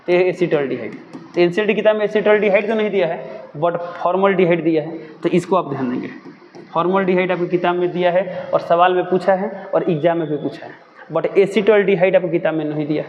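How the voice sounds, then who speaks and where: A man's voice: high voice, in a large hall, muffled recording, slight background noise. A young man teaching a chemistry lesson, who keeps asking his own questions and answering them.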